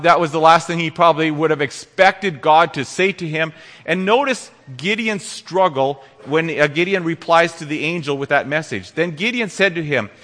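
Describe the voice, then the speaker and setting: A man preaching a sermon, reading scripture and explaining it with earnest, halting restarts. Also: fairly high pitch, a bit bright. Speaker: pastor. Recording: long hall reverb.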